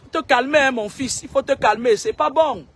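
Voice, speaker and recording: A woman's voice: sits high, a little fast. A woman speaking straight to camera in a long, scolding monologue. She repeats herself and stammers on words as she goes. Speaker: self-styled seer.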